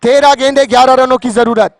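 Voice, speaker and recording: A man giving excited live cricket commentary in a theatrical, poetic way, repeating phrases for emphasis. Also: very high voice, brisk, no room sound. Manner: poetic, breaks into recited verse.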